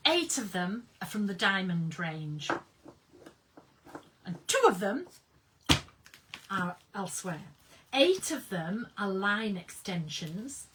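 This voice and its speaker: Bubbly, slow-talking woman hosting a live stream. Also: medium pitch, slight background noise. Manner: bubbly, excitable and chatty. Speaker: host of a craft product live stream. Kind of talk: casual live-stream chat reading viewer comments. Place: her home craft workroom.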